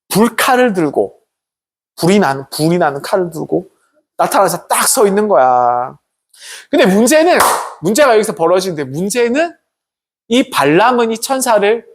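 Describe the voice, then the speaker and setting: A man preaching a lively story sermon to students, often asking them questions. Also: high-pitched. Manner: animated storytelling with questions to the audience. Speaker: pastor.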